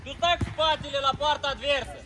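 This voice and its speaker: A football coach on an outdoor pitch, giving calm instructions to his players. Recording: outdoor pitch with crowd noise.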